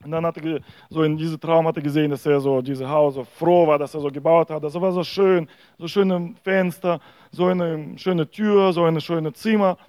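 A man preaching a sermon, telling a parable in a halting way with frequent hesitations. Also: a little high, steady tone, darkish tone, smooth, no echo.

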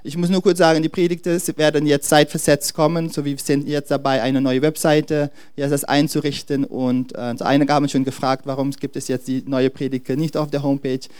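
With a slightly high, smooth, somewhat mellow voice and a flat delivery, a pastor preaches with no echo in the background. He addresses the congregation directly, often stalling to search for words and restarting his sentences.

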